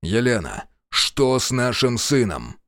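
A man playing a stern male prince and archmage in an audiobook, speaking slowly and coldly with authority. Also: medium pitch, very animated, dry recording, studio quality. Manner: slow, cold, commanding.

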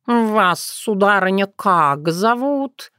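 A woman voicing a pompous male talking cat who speaks slowly and ceremoniously, with a purring drawl. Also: medium pitch, expressive, bright, forceful tone, clear, resonant tone, no echo, studio quality. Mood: stately.

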